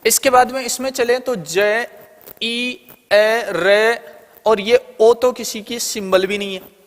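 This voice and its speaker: A man's voice: very high voice, steady tone, slow pace, in a large hall. A man with an Indian accent teaching an online exam-prep lesson, explaining step by step and posing questions he then answers himself. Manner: explains step by step, often asking and answering his own questions.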